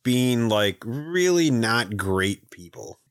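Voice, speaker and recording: A man's voice: mid-range voice, lively intonation, takes it slowly, dry recording, clean studio sound. A man in casual podcast chat, adding wry, blunt jokes with some swearing. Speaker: podcast co-host.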